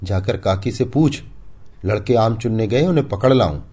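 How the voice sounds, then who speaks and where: A man's voice: mid-range voice, lively intonation, unhurried, mellow, pitched above the performer's own voice. A man voicing a proud, hurt young village husband who speaks irritably and bitterly.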